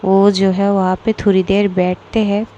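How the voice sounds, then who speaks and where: A woman's voice: mid-range voice, level tone, moderate pace, mellow, highs cut off, slight background noise. A woman from Bangladesh with a Bengali accent, narrating a serialized romance story in a casual, filler-heavy way.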